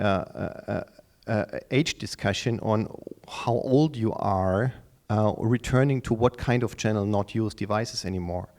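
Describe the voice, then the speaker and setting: Halting middle-aged man pitching at a conference. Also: darkish tone. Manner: halting, repeats and restarts words often. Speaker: startup pitch speaker. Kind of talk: live conference pitch to an audience.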